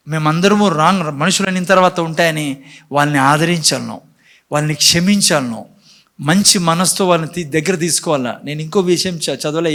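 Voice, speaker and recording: A man preaching. He fires off rhetorical questions and acts out the dialogue of a Bible story as he preaches. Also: on the high side. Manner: animated preaching, rhetorical questions, voices God and Cain in dialogue. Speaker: pastor. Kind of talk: sermon.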